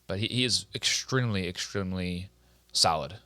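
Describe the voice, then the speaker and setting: Male co-host, low bright voice, joking banter, laughs often. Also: normal speed, dry recording. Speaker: podcast co-host. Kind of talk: casual sports podcast chat.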